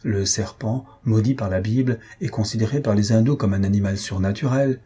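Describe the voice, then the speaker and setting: Husky low-voiced male narrator. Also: a little fast, dark tone. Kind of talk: audiobook narration.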